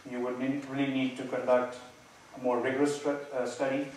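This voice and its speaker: Guy defending his thesis, nervous n hedging, keeps restarting, kinda flat pitch, big echoey room. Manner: nervous, hesitant hedging, halting with many false starts and repeats. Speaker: PhD candidate defending a thesis. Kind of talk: academic thesis defense, spontaneous answers. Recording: very echoey room, distant mic, faint noise.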